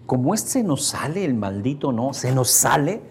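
A man's voice: medium pitch, sing-song, moderate pace, darkish tone, a little hiss or hum. Conversational Mexican man teaching a workshop. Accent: Mexican Spanish. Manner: conversational, explains with everyday examples and checks in with the audience. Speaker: seminar instructor. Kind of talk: workshop lecture to a live group. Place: seminar room with a live audience.

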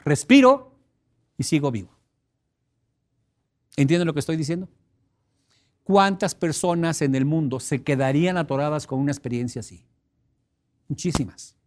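A middle-aged man giving an expressive teleseminar talk, emphatic and repetitive, breaking into sudden loud cries to illustrate a point. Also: fairly high pitch. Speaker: personal development teleseminar speaker.

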